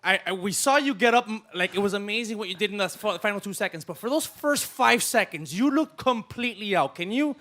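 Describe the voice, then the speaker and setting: A man asking questions as a press conference reporter, excited and insistent, piling one question on another. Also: sits high, brisk, hardly any pauses.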